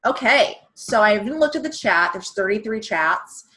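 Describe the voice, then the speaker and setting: Give me a chatty woman coaching on a video call, with a hoarse, worn-out voice and a frank way of talking. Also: mid-range voice, lively intonation, normal speed, sharp tone. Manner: chatty, frank, acts out prospects' lines. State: losing her voice. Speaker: presenter of a sales training call. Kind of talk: casual coaching talk.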